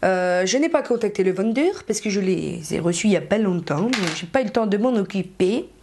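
A woman's voice: medium pitch, lively intonation, brisk, darkish tone, slight background noise. A young woman casually reviewing cheap earrings in a chatty, frank way, full of fillers and slang. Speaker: beauty vlogger.

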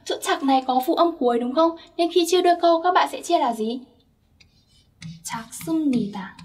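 A woman's voice: extremely high pitch, fast, distant mic. A young woman teaching Korean grammar step by step, patiently checking that her listeners follow. Her first language is Vietnamese.

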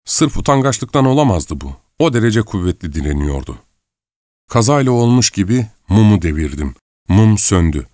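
A man narrating a novel in the first person in a measured, reflective way, on a close studio mic. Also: on the low side, big pitch swings, a little mellow, no echo. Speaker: audiobook narrator.

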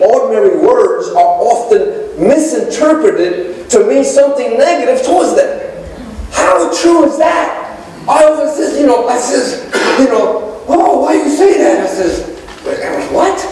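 A middle-aged pastor preaches from the pulpit to his congregation in a church sanctuary, gesturing as he calls out to them. His very high-pitched, dark-toned voice is unhurried with lively intonation, captured on a pulpit microphone but filmed from far back, so it sounds echoey and distant with slight background noise.

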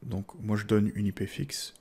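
A French-accented man, hesitant and full of "euh" fillers, repeated words and restarts, explains a tech install in a casual screen-recorded tutorial. His voice is lowish, mellow and husky with vocal fry. He talks at normal speed.

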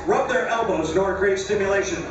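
A very echoey, distant recording from the seats of a crowded theatre. A middle-aged man performs as a stage hypnotist, issuing deliberate, repetitive commands over a loud crowd. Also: sits high, lo-fi sound. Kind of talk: live stage hypnosis show, giving commands to participants. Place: large dark theatre, recorded from audience seats. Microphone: handheld stage mic through speakers, picked up by distant camera. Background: loud crowd and noise.

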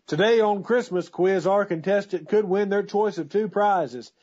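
A man playing a showy, upbeat radio quiz co-host in a booming prize announcer manner. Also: normal speed, over loud music, natural voice. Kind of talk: scripted radio game-show patter. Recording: dull lo-fi prank call audio.

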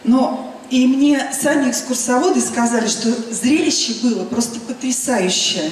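On a large event hall stage, a middle-aged woman who directs cosmetics for a company delivers an emphatic presentation in short phrases broken by pauses, her voice a little high. She speaks into a handheld mic through the PA, captured from far back in the audience, so the sound is echoey and noisy.

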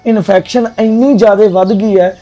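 A man in a charity video, gently questioning and comforting a crying child in a soft, coaxing way. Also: high voice, steady tone, normal speed, highs cut off, faint music behind. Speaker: charity worker interviewing a child.

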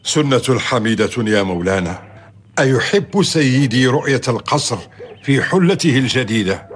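An actor playing a respectful, eager-to-please servant of a lord in a historical radio drama, speaking formal Arabic. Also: male voice, medium pitch, animated, normal speed, breathy edge. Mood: dutiful. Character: deferential, grateful male servant of a lord.

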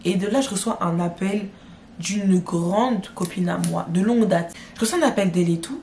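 Addressing her audience head-on, a young vlogger recounts some drama in lively, slang-filled storytime fashion. She speaks at a normal speed in a mid-range voice, and the room echoes noticeably with a faint hiss or hum.

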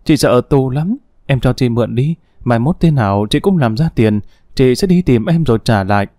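A man voicing a frightened young servant girl who pleads softly and tearfully. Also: medium pitch, lively intonation, moderate pace, no room sound, studio quality, close to an everyday voice. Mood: hushed.

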